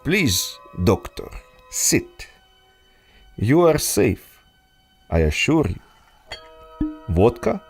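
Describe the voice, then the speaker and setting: An actor voices a suave, treacherous scientist villain, an exiled Russian aristocrat, in a pulp adventure audio drama. His very animated male character voice is smooth and silky with menace, slow and deliberate, swooping theatrically in pitch over soft music.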